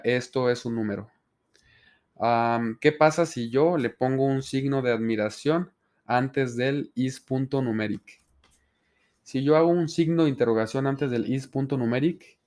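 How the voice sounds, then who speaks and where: A man's voice: medium pitch, a little mellow. A man explaining programming step by step in a tutorial, with fillers. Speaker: programming instructor. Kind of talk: screen-recorded coding tutorial.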